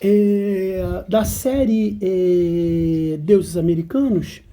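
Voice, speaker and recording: A man's voice: high voice, fairly even intonation, very slow, mellow. A man teaching a language lesson in a chatty, informal way, often checking in with his listeners and making self-deprecating asides. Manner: chatty and informal, with frequent tag questions. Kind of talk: explaining song lyrics in a language lesson.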